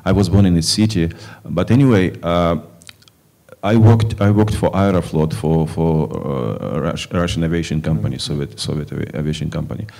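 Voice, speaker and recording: A film director from Kazakhstan answering festival questions in halting, non-native English with many fillers and restarts. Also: male voice, very deep voice, creaky, a little mellow. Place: film festival stage before an audience.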